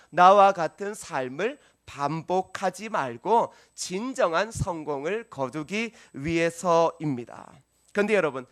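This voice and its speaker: A male pastor delivers a sermon in a church sanctuary. His voice sits fairly high for a man. He preaches earnestly and keeps turning to the congregation with questions. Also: a bit bright.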